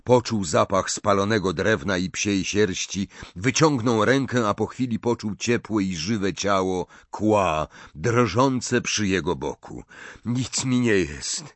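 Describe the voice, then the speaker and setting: Guy reading an audiobook, slow and dramatic, dry close sound. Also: lowish voice, no echo. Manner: measured, expressive reading. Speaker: audiobook narrator. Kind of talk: scripted storybook narration.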